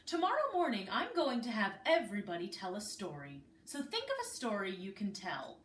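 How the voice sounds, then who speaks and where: Patient storybook teacher, read by a woman, calm, mic set back. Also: medium pitch, brisk. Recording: echoey room, mic at a distance.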